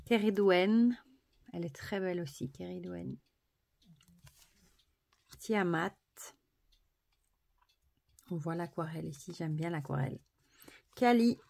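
A woman presenting an oracle card deck, softly admiring each card and then reading the booklet text aloud. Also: fairly low pitch, slow pace, creaky, long pauses.

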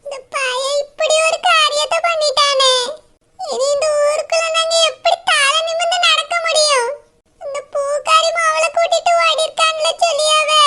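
A woman's voice: very high-pitched, bright, forceful tone, voice pushed up. A woman doing a wailing old village mother. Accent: Kanyakumari Tamil. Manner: wailing, lamenting in tears. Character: older village mother, grieving and tearful.

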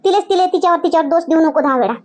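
A woman's voice: very high voice, rapid-fire, darkish tone. A woman with a Varhadi Marathi accent playing a protective village mother who scolds and insists in a rural comedy skit. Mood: firm. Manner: scolding, insistent, repeats points. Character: village mother, firm and protective of her daughter.

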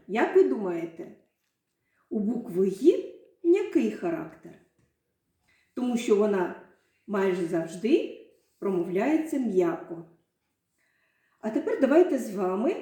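Slow sing-song woman teaching children. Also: medium pitch, mellow. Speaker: primary school teacher. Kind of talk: children's literacy lesson with a story. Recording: very echoey room.

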